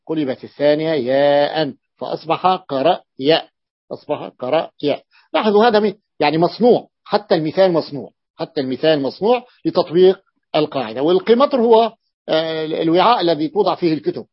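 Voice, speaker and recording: A man teaching Arabic grammar in a classroom lesson, explaining slowly, repeating words and asking his students questions. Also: on the high side, no echo, highs cut off.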